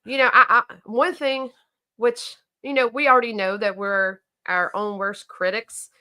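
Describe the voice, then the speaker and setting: Bright-voiced Southern woman chatting. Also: fairly high pitch, fairly even intonation, unhurried, clean tone. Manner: chatty, many fillers and restarts. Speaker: co-host of a knife company livestream. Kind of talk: casual livestream chat reading viewer comments.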